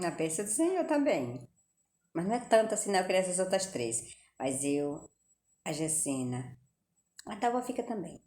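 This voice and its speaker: A woman's voice: sits low, darkish tone, a little hiss or hum. A middle-aged Brazilian woman chatting casually to her viewers at home, talking straight to them and often dropping religious phrases. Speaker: vlogger. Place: home kitchen. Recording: echoey room with faint ambience.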